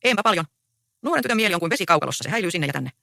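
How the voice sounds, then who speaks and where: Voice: medium pitch, big pitch swings, gravelly, pushed and bright, no room sound, clean studio sound, exaggerated voice. A reader voicing a sly, mocking peasant man in a stage play read aloud. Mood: taunting. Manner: mocking, taunting. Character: taunting grown peasant man, sly troublemaker.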